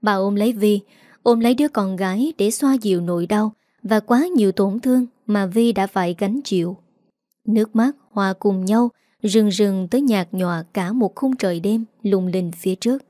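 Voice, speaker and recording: A woman narrating a scripted audiobook in an even, steady storytelling manner. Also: medium pitch, normal speed, dry recording, studio quality.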